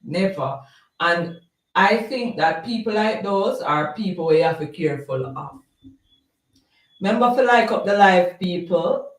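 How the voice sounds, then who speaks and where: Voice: mid-range voice, animated, unhurried, recorded from a distance. A live-stream host with a Jamaican accent, chatting casually and reading out viewer comments, rambling and repeating words. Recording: roomy sound, voice off-mic.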